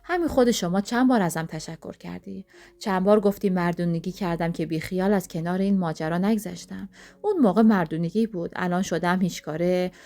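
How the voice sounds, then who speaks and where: A woman's voice: lowish voice, warm tone, close to an everyday voice. Give me a woman voicing an insistent heartbroken young man in an audio story. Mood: hurt. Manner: pleading, accusing.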